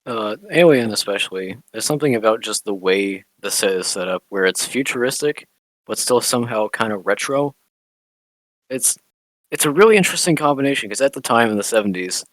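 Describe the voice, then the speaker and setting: A man with a somewhat low voice co-hosts a casual film podcast. He explains details in a relaxed way and swears now and then. The recording is dry and close. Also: fairly quick, no room sound, poor audio. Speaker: podcast co-host.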